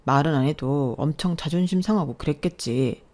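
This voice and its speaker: A woman's voice: low voice, moderate pace, darkish tone, close to an everyday voice. A woman voicing a defensive young husband who pleads and justifies himself in a story narration. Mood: self-justifying. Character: defensive young husband siding with his mother.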